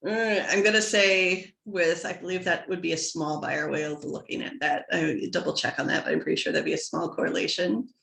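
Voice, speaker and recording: A woman's voice: on the low side, fairly even intonation, a little fast, gravelly, hardly any pauses, fairly bright tone, echoey room. A woman teaching statistics in a casual recorded lecture, chatty and playful, interrupting herself and adding little sound effects. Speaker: statistics instructor.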